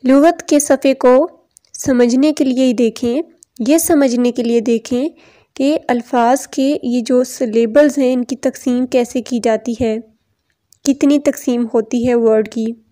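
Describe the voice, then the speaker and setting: A woman teacher giving a recorded textbook lesson. She reads English text slowly word by word, then explains it in Urdu. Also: fairly high pitch, fairly even intonation, dark tone.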